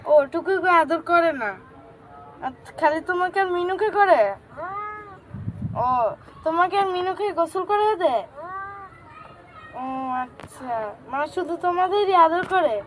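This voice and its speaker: A woman talking baby talk to her pet cat at home, asking gentle sing-song questions. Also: very high voice, slight background noise, low-quality recording. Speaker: cat owner. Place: home with cats.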